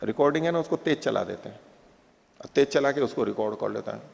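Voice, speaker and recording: A man gives a philosophy lesson in a gravelly, creaky voice. He recites Sanskrit sutras at a slow pace and then explains them with plain examples. The voice carries a long, hall-like reverb. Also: medium pitch, lively intonation. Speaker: teacher of Nyaya philosophy. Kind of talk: explaining Sanskrit aphorisms in a spoken lecture.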